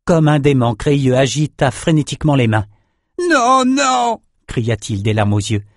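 An audiobook narrator, a man, reads a fantasy story aloud in a steady, vivid storytelling style as scripted narration. His pitch is medium, his pace moderate, and the studio sound is clean with no room sound.

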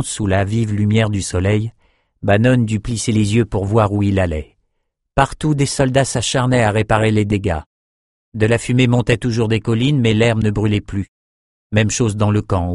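A man reading fantasy narration in a steady, measured way. His voice sits low, and the recording is dry and close with no room sound. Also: no echo. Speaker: audiobook narrator.

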